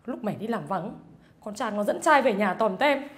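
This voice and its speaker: In a web drama, a woman plays a scornful, scheming mother-in-law who nags and wails melodramatically. Her voice is animated, shrill and close to everyday speech, at a moderate pace.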